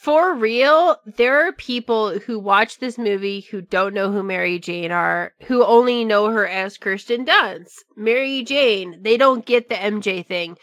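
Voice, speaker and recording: A woman's voice: medium pitch, measured pace, hardly any pauses, a bit bright, dry recording. A woman in casual chat as a podcast co-host, talking emphatically and swearing freely.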